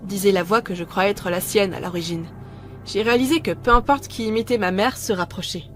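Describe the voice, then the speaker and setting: A woman narrating a first-person horror story in a calm, measured way, scripted. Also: mid-range voice, faint music behind.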